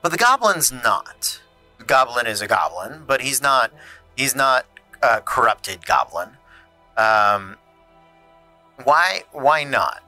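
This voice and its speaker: A man's voice: mid-range voice, very animated, takes it slowly, long pauses, pushed and bright, soft background music. A man narrating a tabletop game as game master, easygoing and full of restarts. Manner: loose, easygoing, many restarts.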